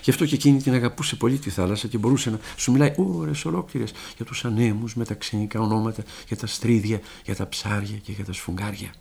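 A man giving a dramatic literary reading, hushed and brooding, voicing all the characters himself. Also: on the low side, creaky, hardly any pauses, husky. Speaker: narrator.

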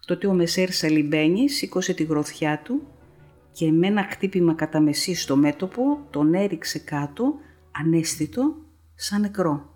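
A woman narrating a novel excerpt in a measured, dramatic reading. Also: on the low side, animated, a little mellow. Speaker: audiobook narrator. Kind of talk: scripted narration. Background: faint music.

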